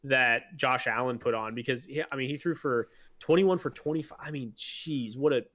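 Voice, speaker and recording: A man's voice: mid-range voice, moderate pace, fairly bright tone. Man, podcast co-host, casual sports chat, rambling, filler words, enthusiastic. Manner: rambling, lots of fillers and restarts; enthusiastic fan talk.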